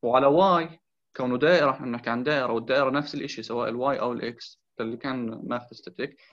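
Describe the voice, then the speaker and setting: A man's voice: mid-range voice, very fast, fairly bright tone. A man tutoring engineering, explaining a drawing, repeating key points and mixing in English terms. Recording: slightly dull lo-fi sound.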